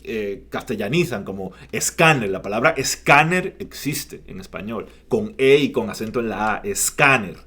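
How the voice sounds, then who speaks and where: A man's voice: fairly low pitch, lively intonation, moderate pace, few pauses, a bit bright, slightly rough. A man co-hosting a casual podcast, explaining word meanings in a patient, lecturing way. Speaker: podcast co-host.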